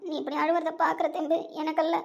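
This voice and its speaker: A woman's voice: very high voice, flat delivery, fast, vocal fry, dull audio. A woman playing a worried middle-aged mother who scolds and comforts her grown son. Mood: tender. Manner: pleading, scolding, tender. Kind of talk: web series drama acting.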